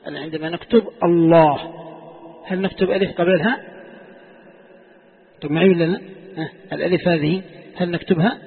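A man's voice: a little high, a little fast, long pauses, breathy edge. A man teaching a classroom lesson on Quranic exegesis, repeating questions to his students and dictating sentences for them to write down. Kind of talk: classroom lecture with call-and-response questions. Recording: tinny lo-fi lecture recording, long hall reverb.

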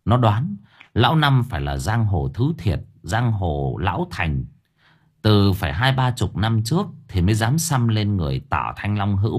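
A man narrating an audiobook story in expressive storytelling style. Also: lowish voice, husky.

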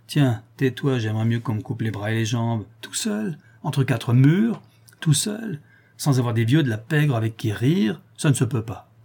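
Un homme lisant à voix haute prête sa voix à un forçat endurci et fanfaron, à la bravade sauvage. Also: male voice, mid-range voice, normal speed, hardly any pauses, warm tone, slightly rough. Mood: horrified. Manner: swaggering, boastful. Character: boastful hardened male convict, savage bravado.

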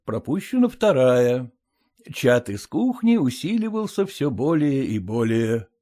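A man narrating a classic comic story in a measured storytelling voice. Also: mid-range voice, sing-song, warm tone.

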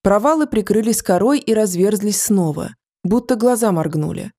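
A woman reading a fantasy audiobook in a measured, even storytelling manner. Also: medium pitch. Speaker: audiobook narrator. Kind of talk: scripted fantasy narration.

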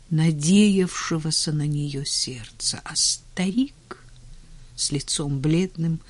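A slow, measured audiobook narrator who often drops into a near whisper. The pitch sits mid-range, and the sound is dry and close with no room around it. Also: no room sound. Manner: measured, often sinking to a hush. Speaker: audiobook reader. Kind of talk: scripted narration.

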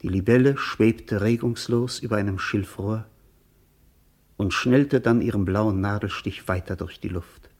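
A man narrates a literary radio play as a detached, observant voice, reading poetic description in a measured, composed manner. His pitch is fairly low and his tone darkish.

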